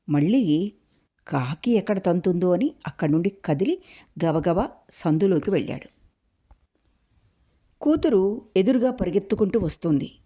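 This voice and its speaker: Woman storyteller reading a novel aloud, low and mellow, even delivery. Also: slightly rough. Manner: even, measured narration.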